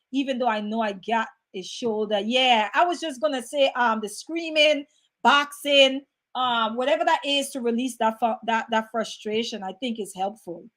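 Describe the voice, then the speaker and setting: A woman's voice: on the high side, a bit bright. A young adult woman hosts a casual livestream and chats animatedly while reading out viewer comments. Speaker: host reading live chat.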